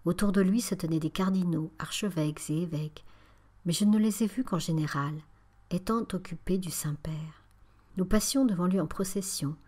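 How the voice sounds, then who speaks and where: A woman narrating a spiritual memoir as an audiobook, in a calm, measured and often breathy reading. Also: lowish voice.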